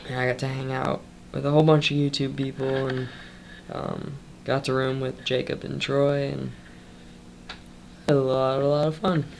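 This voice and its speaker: A young vlogger, stuffed up with a cold and tired after a long shift, gives a casual, rambling update, loose and chatty with lots of ums and trailing asides. His mid-range voice has vocal fry, little pitch movement, and a slightly mellow quality at a moderate pace, with slight background noise.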